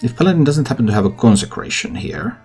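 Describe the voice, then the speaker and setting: A man's voice: medium pitch, very animated, quick pace, a little mellow. A man who hosts gaming videos, giving casual game commentary and thinking aloud. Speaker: gaming content creator and host. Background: background music.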